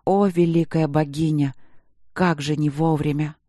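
A narrator voicing a proud young queen in pain, hoarse and strained, snapping orders. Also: medium pitch, steady tone, unhurried, dark tone, no room sound, studio quality, natural voice.

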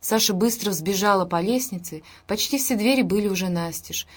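Brief: female audiobook narrator, measured scripted narration, middle pitch. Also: breathy edge.

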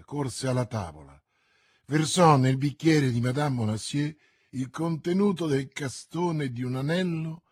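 A man narrating a classic novel as an audiobook, in a measured, dramatic storytelling manner. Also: medium pitch, a little mellow, slightly rough, no echo, studio quality.

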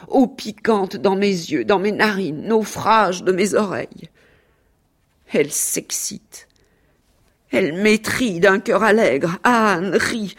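A woman reading aloud as a timid, affectionate little dog, with a slow, lilting literary delivery in an archival radio reading. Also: on the low side, voice pushed up. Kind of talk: archival radio reading of a dialogue between animals.

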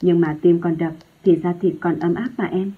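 A woman's voice: on the low side, fairly even intonation, moderate pace, breathy edge. Woman reading an earnest young man. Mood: teasing. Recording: tinny phone-like lo-fi sound.

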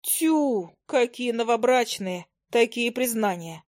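A woman's voice: on the high side, animated, slow, darkish tone, no room sound, clean studio sound. A woman voicing a bossy, teasing young female fairy in a fantasy audiobook.

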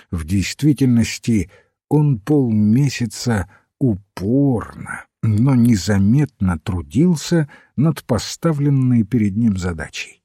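Slow, husky male audiobook narrator. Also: mid-range voice, dark tone, no echo, studio quality. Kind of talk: scripted narration.

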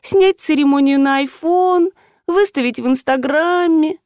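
A woman voices an emotional young bride who whines and pleads. The voice is high and swings widely, heard dry and close. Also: expressive, normal speed, mellow, slightly rough, dry recording. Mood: wistful. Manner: whiny, pleading.

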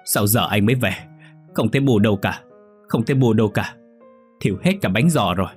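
Guy reading as a young daughter-in-law, pleading and flustered, low voice, faint piano behind. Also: expressive, moderate pace, husky. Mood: frantic.

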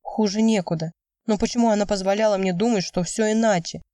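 A woman narrating an audiobook in first person with measured, steady reading. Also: medium pitch, no echo, studio quality, far from the mic. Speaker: audiobook reader.

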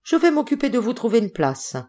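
A woman's voice: fairly high pitch, big pitch swings, fairly quick, mellow, voice pushed up. A woman reading the part of a nervous older male landowner who breaks into startled exclamations. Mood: agitated.

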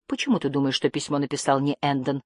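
A woman reading the lines of a fierce but caring young woman, softly, in an audiobook. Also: rumbling low, steady tone, fast talker, dry recording, studio quality. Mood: worried.

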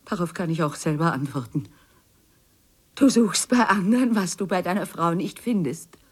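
An actress playing a neglected wife confronting her husband in a radio play, moving between hushed whispers and tearful pleading. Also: on the low side, lively intonation, normal speed, breathy edge. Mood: probing.

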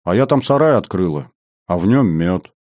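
Man reading a matter-of-fact young woman, low and mellow, storybook. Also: expressive, moderate pace, dry recording, studio quality. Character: practical young woman traveler.

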